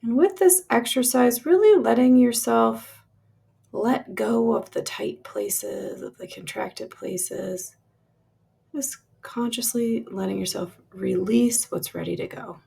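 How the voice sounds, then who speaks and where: Speaking at a very unhurried pace, a woman leads a relaxation meditation in a voice that sits on the high side, thick with vocal fry and edged with husky breathiness. Her gentle instructions come in lingering phrases that grow softer as they fade out.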